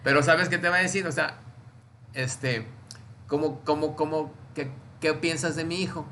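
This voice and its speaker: A man's voice: on the high side, fairly even intonation, moderate pace, sharp tone, a little hiss or hum. A man with a Mexican accent leading an informal Bible study, explaining through little acted-out dialogues and often checking that he is understood. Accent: Mexican Spanish.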